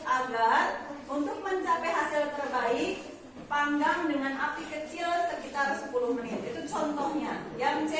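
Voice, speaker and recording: A woman teacher talks through a lesson with a high, lively voice, slowing down to lean on the words she wants pupils to catch. She sounds a little off-mic, and a strong room echo surrounds every phrase. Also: slight background noise. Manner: animated, stresses key words slowly. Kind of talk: online class lesson. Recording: very echoey room, voice from far off.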